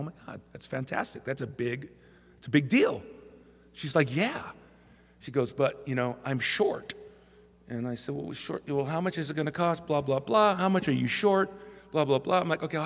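A man's voice: medium pitch, creaky. A man preaching a sermon as pastor, telling stories in a conversational way and acting out the people he quotes. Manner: conversational storytelling, acts out quoted voices. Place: church sanctuary. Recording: long hall reverb.

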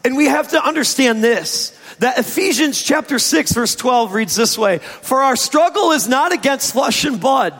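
A man preaching as a pastor in a hoarse, strained voice, emphatic and informal, stretching key phrases for effect. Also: very high-pitched, animated, normal speed, few pauses, fairly bright tone. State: hoarse, strained sore throat. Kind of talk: sermon. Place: church service, amplified in a large room. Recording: echoey large hall reverb.

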